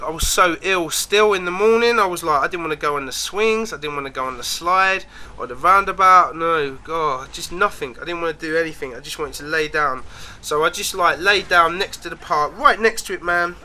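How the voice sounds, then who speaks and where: A man spins a casual, rambling story, his voice pitched high and strikingly bright and sharp. He talks loosely and chattily, dropping filler words like a friend recounting something at home, with a faint hiss of noise underneath.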